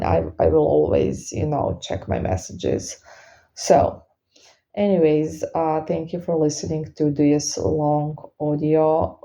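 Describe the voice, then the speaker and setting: A non-native English-speaking woman with a slight lisp from wearing retainers, talking off the cuff and haltingly to her followers, searching for words. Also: deep voice, warm tone, highs cut off. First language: not English. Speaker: spiritual reader and spellworker hosting a Q and A. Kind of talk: unscripted casual monologue to followers.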